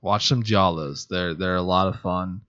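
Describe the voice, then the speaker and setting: A man's voice: low-pitched, steady tone, moderate pace, fairly bright tone, muffled recording. A man co-hosting a podcast in casual chat, chatty and laughing often. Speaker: podcast co-host.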